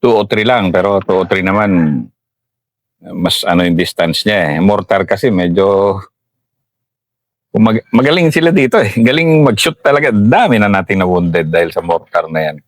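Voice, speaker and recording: A middle-aged Filipino host with a low voice breaks into the story to explain military terms to his audience and push the guest with questions. He sounds in command of the conversation. The recording is dry and close. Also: animated, normal speed, no echo. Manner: explains to viewers, asks probing follow-ups. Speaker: host, retired army colonel. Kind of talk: interview commentary.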